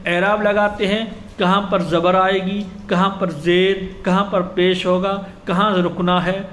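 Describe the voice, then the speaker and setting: A male teacher giving an exam-prep lecture, explaining step by step and answering his own questions. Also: high-pitched. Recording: echoey room with faint ambient noise.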